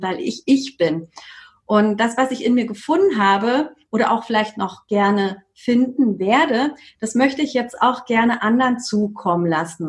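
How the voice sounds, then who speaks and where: A woman speaks at an ordinary middle pitch. She talks earnestly and reflectively as a guest in a casual interview, often pausing on hesitant fillers and circling back to rephrase her point. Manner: earnest and reflective, with frequent "ähm" fillers and repetitions. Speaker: yoga teacher, podcast guest.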